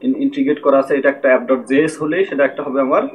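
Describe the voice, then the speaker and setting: A man's voice: medium pitch, fairly even intonation, fast talker. A man giving a screen-recorded coding lesson, explaining step by step and often checking in with "okay?". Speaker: programming tutor. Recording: tinny phone-like mic with faint noise.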